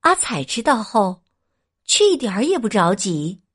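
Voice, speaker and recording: A woman narrating a children's folk tale in a gentle, expressive storytelling manner. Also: fairly high pitch, moderate pace, slightly rough.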